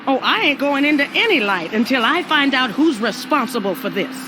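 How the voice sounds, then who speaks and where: A woman's voice: high-pitched, very animated, fairly quick, noisy background. A woman playing a sassy, blunt, grudge-holding ghost of an older mother in a cartoon video game. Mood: stubborn.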